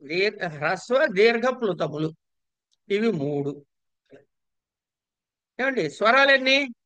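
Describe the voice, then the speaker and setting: A man with a Telugu accent lectures in a high, bright voice that stays crisp and clear. The sound is close and dry. He explains step by step and keeps checking in with his audience by asking them questions. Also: lively intonation, slow, no echo. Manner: explanatory, quizzes listeners with rhetorical questions. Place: lecture hall.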